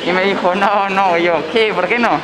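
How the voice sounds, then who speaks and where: A young man, vlogging and retelling street encounters in a quick, animated way, quoting what was said. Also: high voice, a crowd in the background, low-quality recording. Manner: fast, animated retelling with quoted lines. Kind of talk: casual storytelling. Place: indoor shopping mall and supermarket. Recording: loud mall background noise.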